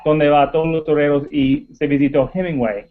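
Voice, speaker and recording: A man's voice: on the high side, steady tone, moderate pace. Non-native man over a tinny line. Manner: careful non-native Spanish with small slips. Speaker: language student. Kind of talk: conversational practice.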